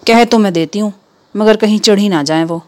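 A woman's voice: mid-range voice, a little mellow, natural voice. A woman reading the part of a busy, flustered housewife who exclaims and scolds.

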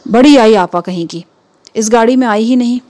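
A woman's voice: fairly high pitch, dark tone, lightly acted. This is a woman reading the part of a young girl in a told story. She speaks bluntly, with a scornful edge. Her voice stays near the narrator's own.

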